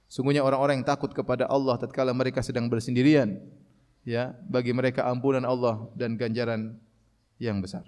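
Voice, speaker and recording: A man giving an animated sermon on Quranic commentary, reciting Arabic verses slowly and raising his voice to mimic people shouting. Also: mid-range voice. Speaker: preacher. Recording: long hall reverb.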